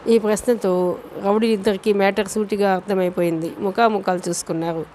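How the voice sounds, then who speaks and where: A woman reading a novel aloud as an audiobook narrator, in steady storytelling narration. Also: mid-range voice, brisk, a little hiss or hum.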